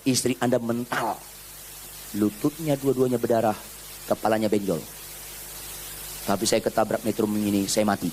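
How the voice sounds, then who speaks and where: A man's voice: normal speed, pauses often, a little hiss or hum. A man preaching a sermon, acting out everyday stories and dropping into casual slang. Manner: animated preaching, acts out anecdotes with quoted voices, swings from low to loud; informal Jakarta slang mixed in. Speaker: pastor.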